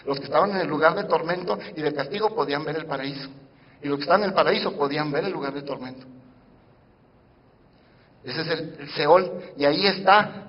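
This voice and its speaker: Male pastor mid-sermon, higher-pitched, shifts between loud and hushed, quizzes the congregation, muffled recording in a reverberant church. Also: husky. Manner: preaching with sudden swings between loud emphasis and hushed asides; addresses the congregation directly with questions. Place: church sanctuary.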